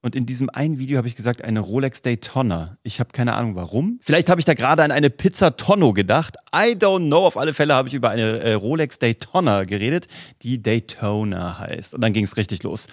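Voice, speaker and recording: A man co-hosting a marketing podcast, telling stories lively and laughing often. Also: mid-range voice, fast, dry recording, studio quality. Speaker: podcast co-host. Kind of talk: casual podcast chat.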